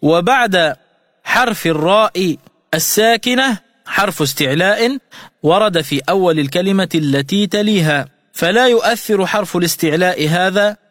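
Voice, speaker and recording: Male recitation teacher, high voice, patient step-by-step delivery, dry close sound with lingering reverb. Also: a bit bright. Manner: methodical, repeats each rule slowly. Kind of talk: radio lesson explaining recitation rules. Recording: studio radio voice with long reverb.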